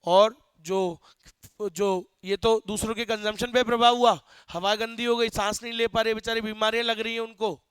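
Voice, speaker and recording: Lively Hindi-speaking male teacher. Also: high-pitched, moderate pace, clean tone, dry recording. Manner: animated, asks students questions, jokes. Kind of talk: classroom lecture.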